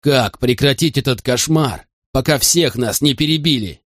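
A man's voice: mid-range voice, normal speed, fairly bright tone, dry recording, studio quality, voice pushed up, close to an everyday voice. A man voicing a worn-out, injured sergeant who asks anxious, weary questions. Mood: despairing.

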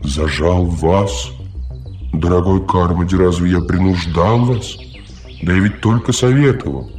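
A man's voice: low-pitched, measured pace, darkish tone, faint music behind. A man reading an audiobook, voicing a fussy, over-solicitous male machine caretaker who lectures and talks too much.

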